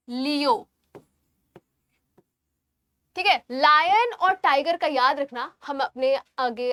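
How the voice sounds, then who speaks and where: A woman teaching biology in an online exam-prep lecture, spelling out terms slowly and checking in with the class while she writes on screen. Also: high voice, fairly bright tone, no room sound.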